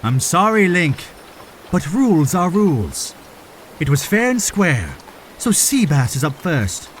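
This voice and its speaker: Guy doing jolly fish prince, high voice, big slow theatrical exclaiming, fantasy audiodrama. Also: sing-song, slight background noise. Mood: cheerfully firm. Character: exuberant young fish-folk prince, jolly and encouraging. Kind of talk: cinematic fantasy audio drama acting.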